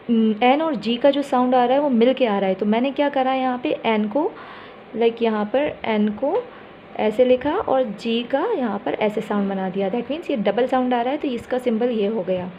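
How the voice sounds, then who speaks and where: Woman teaching phonetics slowly. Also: a little high, dark tone, dull audio, a little hiss or hum. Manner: explains step by step, asks and answers her own questions, stretches example words. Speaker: English teacher. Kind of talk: classroom lesson on phonetics, mixing Hindi and English.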